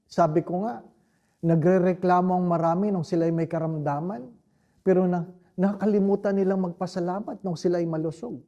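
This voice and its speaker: A man with a Filipino accent, a priest giving a homily, telling a story slowly and reflectively and often turning to the listeners with rhetorical questions. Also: high voice, steady tone, dark tone, lo-fi sound. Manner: slow, reflective storytelling with frequent rhetorical asides.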